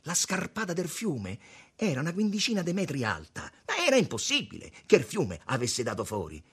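A man reading a novel aloud with expressive storytelling. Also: fairly high pitch, a little fast, husky. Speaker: narrator.

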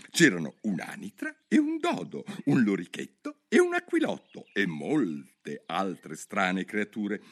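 A man narrating a children's story aloud in an expressive, animated way. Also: low voice.

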